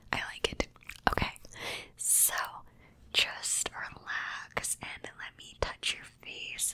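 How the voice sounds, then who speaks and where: Throughout an ASMR roleplay, a woman creator whispers softly right up close to the mic, repeating gentle words and coaxing the listener to relax.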